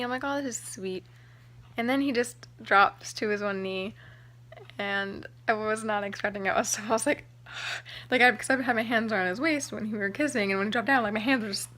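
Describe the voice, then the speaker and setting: A young woman vlogger telling a personal story to camera in a chatty, excited way, full of "like" and "um". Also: mid-range voice. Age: young adult. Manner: chatty, excited, heavy use of "like" and "um".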